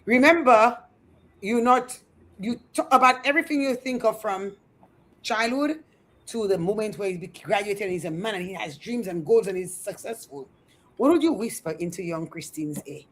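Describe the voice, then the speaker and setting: Woman interview host, middle pitch, drawn-out, warm-worded questioning. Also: lively intonation. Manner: effusive, slow and deliberate. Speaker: talk show host. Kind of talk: interview hosting.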